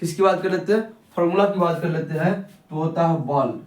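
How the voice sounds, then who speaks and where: A man's voice: a little high, brisk. A young man teaching a physics class, who keeps asking questions and answering them himself. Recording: echoey room, mic at a distance.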